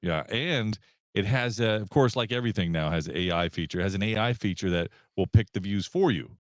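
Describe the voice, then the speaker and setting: A man's voice: fairly low pitch, a little fast, dry recording, clean studio sound. A man hosting a casual podcast, talking in a rambling, hesitant way with lots of fillers.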